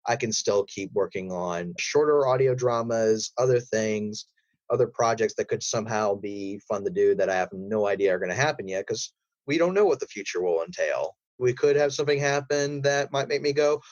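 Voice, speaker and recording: Speaking at a moderate pace with a fairly low pitch, a man offers advice on a podcast as a guest. His explanations are casual, emphatic and meandering, it's a laid-back interview chat, and the recording is roomy and a bit dull.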